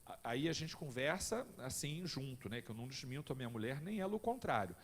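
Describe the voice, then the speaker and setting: A man's voice: mid-range voice, fairly quick. A man lecturing at a spiritist family course, telling personal stories and speaking straight to the audience in a conversational way. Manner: lively, conversational, addresses the audience directly.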